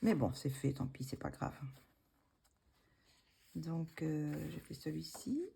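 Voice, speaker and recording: A woman casually showing her coloring books, hesitant with many fillers and restarts, gently self-deprecating. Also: sits low, slow pace, gravelly, a little hiss or hum. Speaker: coloring book vlogger.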